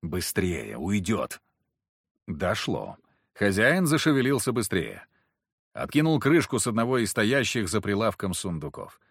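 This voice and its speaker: A man narrating a first-person fantasy audiobook in terse, wry, clipped sentences. His low voice is husky, and it rises and falls in lively, expressive swings. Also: normal speed, no echo, studio quality.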